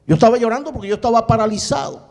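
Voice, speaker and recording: A male pastor telling a personal story in a sermon, dramatic, repeating words and swinging between quick bursts and slow, drawn-out phrases. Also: very high-pitched, darkish tone. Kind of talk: sermon testimony.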